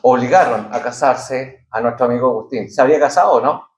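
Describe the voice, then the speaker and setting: A middle-aged man with a Chilean accent, a professor lecturing his class and telling lively anecdotes, acting out the characters. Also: medium pitch, brisk, noisy background. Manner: animated, acts out characters in anecdotes. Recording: echoey room from far off.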